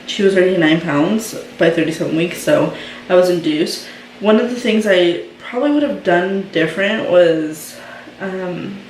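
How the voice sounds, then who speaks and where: A young woman chats casually in the style of a mom vlogger, her fairly low voice peppered with "um" and "like." A faint hiss or hum sits under the recording, which sounds roomy and distant.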